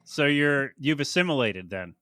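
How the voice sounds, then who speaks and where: A man's voice: medium pitch, lively intonation, normal speed, sharp tone, smooth, no room sound, studio quality. A man hosting a podcast interview, casual and teasing, laughing often. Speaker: podcast host.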